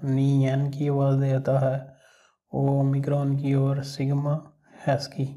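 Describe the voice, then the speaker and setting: A man's voice: mid-range voice, dark tone. A man with a Pakistani Urdu accent teaching an alphabet lesson step by step, patiently repeating each sound. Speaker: language teacher.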